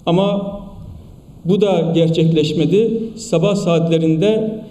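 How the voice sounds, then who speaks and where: A man delivers an emphatic political speech at a podium microphone, building his points through repeated phrases. His voice sits high but sounds mellow. The sound carries a long hall reverb, heard from some way off the mic. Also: fairly even intonation, slow pace. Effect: speaking at a podium microphone in a large hall. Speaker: politician addressing a party meeting. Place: large meeting hall in parliament. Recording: echoey hall, distant mic.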